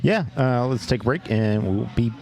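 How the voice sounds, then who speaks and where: A man's voice: mid-range voice, lively intonation, moderate pace, a little mellow. A man co-hosting a casual beer podcast, laid-back and hesitant, with short replies and many uhs. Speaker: podcast co-host. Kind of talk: casual chat over beers.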